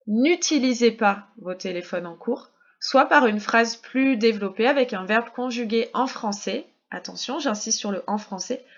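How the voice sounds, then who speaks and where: A woman with a French accent, an English teacher recording an online lesson, alternating slow drilled English sentences with brisk explanations. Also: on the high side, dull audio. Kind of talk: recorded online lesson for middle-school pupils.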